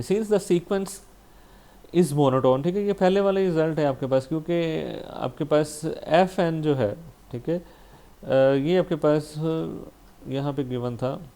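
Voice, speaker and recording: A man with a Pakistani Urdu accent teaches a math lecture in a mellow, fairly high voice. He works through each step patiently, often pausing to check that his listeners are following, and drops English math terms into his sentences. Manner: explains step by step, frequent "theek hai ji" checks. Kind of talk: recorded lecture.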